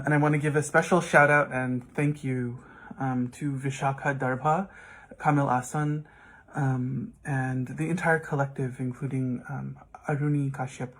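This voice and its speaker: A man from Guyana reading his poems aloud, introducing each one in a measured, thoughtful way with frequent pauses and ums, and reading some verses in Guyanese Creole. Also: mid-range voice, a bit bright. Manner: reads poem passages in Guyanese Creole with rising emphasis. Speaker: poet. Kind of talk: poetry reading with spoken introductions.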